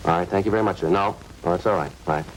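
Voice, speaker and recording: An actor playing a terse, businesslike police sergeant in a 1950s radio drama, clipped, deadpan and matter-of-fact. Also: male voice, deep voice, very fast, background noise, close to an everyday voice. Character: terse, businesslike male police sergeant narrating his case. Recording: old-time radio recording with music.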